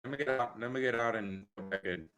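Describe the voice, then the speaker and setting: A man's voice: medium pitch, fast talker, a bit bright. A man co-hosting a live sports talk stream. He chats casually and sounds frustrated, swearing and apologizing.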